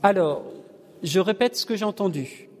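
A man leading a discussion evening for his parish, speaking in a slow, measured way with touches of gentle humour. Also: high-pitched, lively intonation. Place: church or parish hall with long reverb. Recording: long hall reverb, distant room mic.

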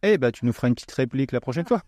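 A male radio host chatting with guests in a quick, bantering way. His voice sits mid-range, recorded close and dry in a studio. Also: mid-range voice, animated, dark tone, no room sound. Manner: joking, laughs easily. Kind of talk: casual studio chat.

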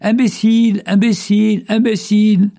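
A man's voice: sits high, flat delivery, normal speed, gravelly, warm tone, pitched above the performer's own voice. A man voicing a valley echo in a told tale, repeating words back in a raised voice. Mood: mocking.

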